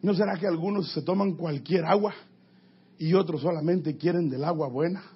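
A man preaching a sermon in an emphatic style, his voice swinging from loud to quiet. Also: on the high side, normal speed, husky. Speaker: pastor. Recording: dull lo-fi sound.

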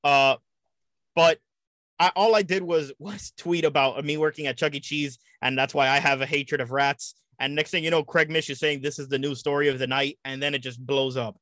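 A man from the United States talking casually as a podcast guest, with a fairly high, bright voice. He rambles and trips over his words, repeating himself as he goes. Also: fairly even intonation, normal speed, dry recording. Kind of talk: casual chat.

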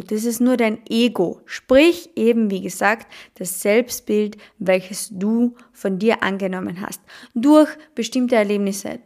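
A woman's voice: a little high, darkish tone. A woman hosting a self-help podcast, talking casually with many fillers and repeated words for emphasis. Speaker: podcast host.

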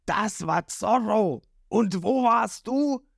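A woman voicing a domineering male fish-man pirate boss who talks in a gruff, commanding way. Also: mid-range voice, expressive, slow pace, no echo, studio quality, voice pushed up, full character voice.

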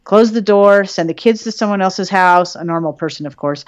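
A woman's voice: mid-range voice, normal speed, dry recording. A woman co-hosting a podcast in casual chat, swearing freely and laughing often. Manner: profane, laughing, chatty. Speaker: podcast co-host.

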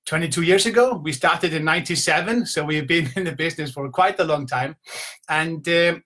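At a fairly quick pace, a middle-aged Icelandic-accented man gives a relaxed motivational talk as a business coach, addressing a live online audience from his home indoors. His bright, forceful voice runs slightly high for a man. He tells loose, rambling stories, leaning on "you know" often.

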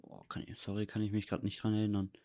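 A man's voice: lowish voice, completely flat delivery, fast talker, dark tone, no echo. A man in his twenties co-hosting a podcast, chiming in with short, dry remarks. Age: 20s. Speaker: podcast co-host. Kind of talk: casual chat.

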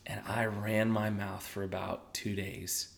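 A man's voice: fairly low pitch, flat delivery, measured pace, gravelly. A man co-hosting a podcast, telling a story in casual chat, self-deprecating and sometimes dropping to a whisper for emphasis. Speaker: podcast co-host.

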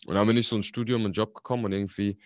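A man, a podcast guest talking casually, relaxed and slangy, with English words mixed in. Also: fairly low pitch, rapid-fire, dry recording, studio quality. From Germany. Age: 20s. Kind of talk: casual interview chat.

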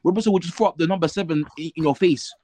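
Fast, higher-pitched young London roadman. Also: background noise. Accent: London, urban street slang. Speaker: football show panellist. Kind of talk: casual football banter.

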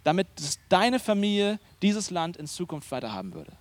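A man preaches a sermon as pastor in a high-pitched voice at a moderate pace. He speaks conversationally yet emphatically, with animated delivery, often turning to the congregation with questions.

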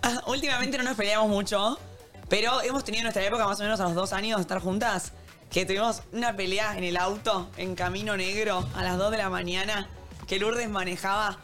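Fast-talking Argentine woman, music behind. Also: medium pitch, steady tone, a bit bright. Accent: Argentine Rioplatense. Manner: fast storytelling, joking. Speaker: co-host. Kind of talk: casual live-stream chat. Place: streaming studio with live audience.

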